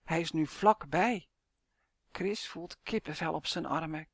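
A woman reading a children's story aloud in an expressive, unhurried way. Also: low voice, slightly rough, no echo, studio quality.

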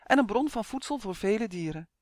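A grave, dreamy forest spirit with a soft rustling voice, fond of his trees, as a man voices him in a storybook. Slightly high for a man, close and dry. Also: expressive, brisk, no room sound. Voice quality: rustling, soft like birch leaves.

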